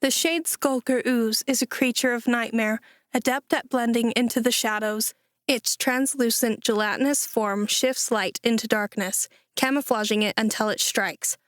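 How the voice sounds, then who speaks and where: Woman reading as a slow mechanical dungeon voice. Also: a little high, dry recording, studio quality, lightly acted. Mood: ominous. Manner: slow, even, mechanical recitation. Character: dungeon system voice, impersonal and ominous. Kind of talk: audiobook character voice.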